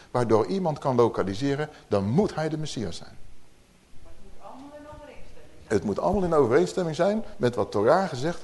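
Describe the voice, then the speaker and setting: A man preaches to a congregation in a chatty, teaching way, often turning to his listeners with questions. His voice sits somewhat high and moves animatedly through a wide range of pitch. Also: a little mellow. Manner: conversational teaching with rhetorical questions. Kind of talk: sermon.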